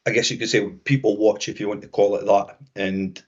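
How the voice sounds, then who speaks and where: A man's voice: on the low side, level tone, fairly quick, husky. A Scottish man co-hosting a podcast, talking reflectively in casual conversation with frequent restarts. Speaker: podcast co-host. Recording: dull lo-fi sound.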